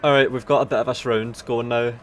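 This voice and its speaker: Over the sound of strategy game battles, a man calls a match as an esports tournament commentator, his Doric Aberdonian accent clear. He's casual and sweary, thinking aloud in a halting way, at a medium pitch with fairly even intonation.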